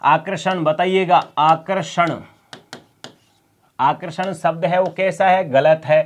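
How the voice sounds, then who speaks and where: A man with a fairly high voice teaches an online exam-prep class. He drills each word by saying it over and over slowly. He quizzes his students and teases them to answer fast. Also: fairly even intonation. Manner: playful teasing threats to hurry answers. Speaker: Hindi teacher.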